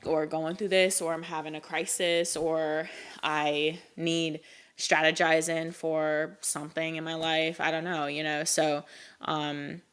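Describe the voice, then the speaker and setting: Young female co-host, casual podcast chat, rambling, lots of "like" and "um", a little low. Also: flat delivery, measured pace, fairly bright tone, smooth. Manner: rambling, filler-heavy, laughs often.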